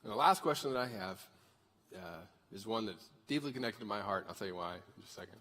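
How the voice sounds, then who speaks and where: A man's voice: lowish voice, lively intonation, fast, sharp tone. A man of thirty preaching a conversational sermon to a church crowd and asking them to raise their hands. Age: 30s. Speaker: pastor. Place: large church sanctuary. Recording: long hall reverb.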